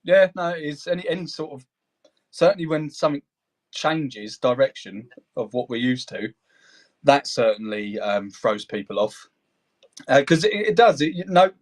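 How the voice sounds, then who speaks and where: A man hosting a casual live audio chat on his phone, talking in a hesitant, self-deprecating way. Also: on the high side.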